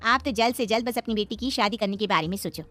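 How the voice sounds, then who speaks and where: A woman voicing a sly, gossiping middle-aged neighbor in an animated story. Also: fairly high pitch, fast talker, close to an everyday voice. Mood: gossipy.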